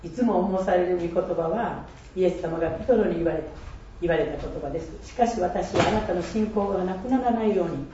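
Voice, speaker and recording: Earnest older woman in her 60s, sharing her faith, soft mellow voice, far off the mic in a big echoey church, faint hiss. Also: lowish voice, brisk. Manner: earnest, reflective, quotes scripture, laughs at herself. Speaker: church member giving testimony. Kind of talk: personal faith testimony. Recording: echoey and distant, dull with faint noise.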